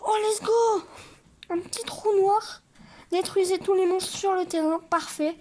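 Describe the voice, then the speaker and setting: A woman hosting a card game video, reading card text aloud with frequent hesitations and small excited exclamations. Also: very high voice, moderate pace. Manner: hesitant, many filler sounds while reading. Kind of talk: casual commentary while reading cards aloud.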